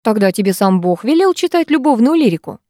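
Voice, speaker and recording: A woman's voice: a little high, very animated, fairly quick, dark tone, dry recording, clean studio sound, voice pushed up. A woman voicing a weary male literature teacher who scolds his class with patient irony.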